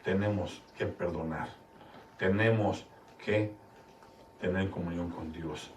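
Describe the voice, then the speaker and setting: A man's voice: low voice, steady tone, takes it slowly, darkish tone, a little hiss or hum. A male pastor delivers an emphatic sermon from a live church service. He keeps calling out questions to the congregation. The microphone sits some distance away in a roomy, echoing space with faint ambience behind him.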